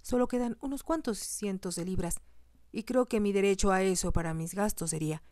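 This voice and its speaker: A woman's voice: medium pitch, fairly quick, dark tone, no echo, studio quality, natural voice. A woman voicing a haughty, hostile stepmother who speaks in a cold, curt and scornful way.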